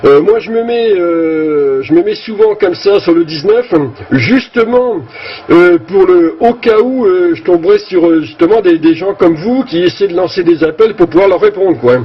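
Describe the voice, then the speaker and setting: A man's voice: high voice, animated, normal speed, breathy edge. A man speaking over a CB radio link as a radio operator, explaining things at an easy pace with many fillers and restarts. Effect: heard over a CB radio link. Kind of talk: casual explanatory radio chat. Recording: muffled lo-fi CB audio with faint hiss.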